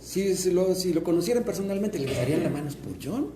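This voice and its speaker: A man's voice: high-pitched, lively intonation, fast talker, roomy sound, background noise. A man, a pastor with a Mexican Spanish accent, preaching a sermon and asking and answering his own questions.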